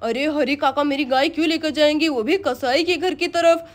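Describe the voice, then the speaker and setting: A woman playing a worried, gentle village father. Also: high voice, moderate pace, close to an everyday voice. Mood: flustered. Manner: soothing, reassuring. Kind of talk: Hindi cartoon story voice acting.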